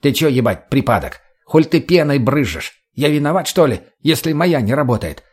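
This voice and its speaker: A man's voice: mid-range voice, big pitch swings, normal speed, breathy edge. A man reading an audiobook, voicing a lazy, crude stoner who drawls and mocks. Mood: mocking. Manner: drawling, swearing, mocking.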